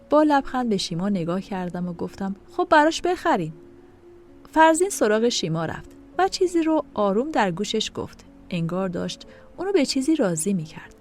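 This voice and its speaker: A woman narrating a dramatic first-person story in an emotional, scripted reading. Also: medium pitch.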